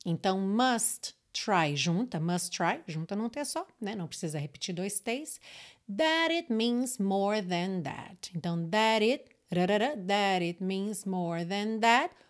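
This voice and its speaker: A woman from Brazil, an English teacher, who explains pronunciation step by step and repeats lines slowly and clearly. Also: medium pitch, animated. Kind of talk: online English lesson with course promotion.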